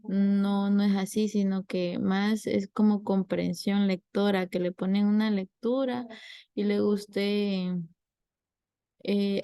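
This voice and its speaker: A woman's voice: mid-range voice, creaky, mellow, no room sound. A young woman, tutoring a class and patiently explaining step by step with examples.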